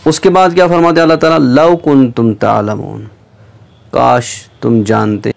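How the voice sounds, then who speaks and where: A man teaching a lesson on Quran recitation, explaining step by step in a measured, patient way and chanting verses slowly. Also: fairly high pitch.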